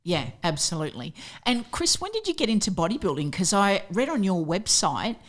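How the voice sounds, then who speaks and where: A woman's voice: mid-range voice, very animated, fairly quick. A woman hosting a podcast interview and asking curious follow-up questions. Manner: inquisitive, asks follow-up questions. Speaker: podcast host.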